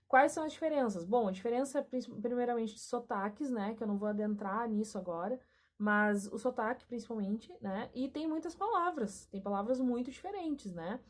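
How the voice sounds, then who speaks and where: A woman's voice: on the high side, a little fast. A woman with a Gaúcho Brazilian accent from southern Brazil, teaching a casual lesson and often tagging her sentences with a questioning aside. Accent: Gaúcho Brazilian Portuguese. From Rio Grande do Sul, southern Brazil. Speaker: language teacher.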